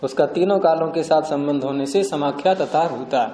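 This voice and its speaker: A man's voice: fairly high pitch, normal speed, warm tone, slight background noise. A man teaching a class, patiently explaining terms, repeating them and asking and answering his own questions. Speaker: teacher of Sanskrit philosophy. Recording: echoey room.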